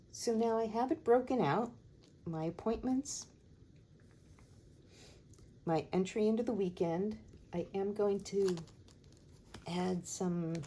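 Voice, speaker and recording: A woman chatting casually and thinking aloud in an unhurried, musing way as she hosts a planning session. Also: lowish voice, warm tone, a little hiss or hum. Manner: unhurried, musing, talks to herself while working. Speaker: host of a planner decorating video.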